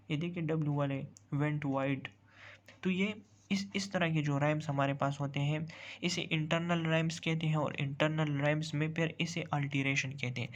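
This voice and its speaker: A teacher giving a recorded lesson, explaining step by step while pointing at examples on slides, checking in often and reading out definitions in English. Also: mid-range voice. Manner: mixes English terms and read-out definitions into Hindi explanation. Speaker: literature teacher. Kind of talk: recorded online lesson walking through slides.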